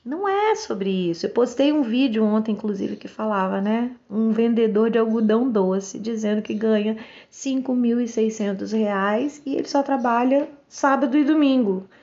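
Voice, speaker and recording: A woman's voice: fairly high pitch, moderate pace, warm tone, lo-fi sound. Outspoken Brazilian woman in her forties. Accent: Brazilian Portuguese. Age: 40s. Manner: outspoken and direct, acts out quoted voices. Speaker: vlogger. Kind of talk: casual monologue to camera.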